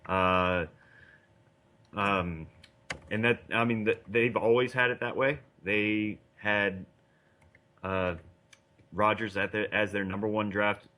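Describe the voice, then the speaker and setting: A man's voice: on the low side, steady tone, slow, long pauses, bright, forceful tone. A man co-hosting a sports podcast, giving casual analysis in an easygoing, slightly hesitant explanatory way. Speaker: podcast co-host and baseball analyst.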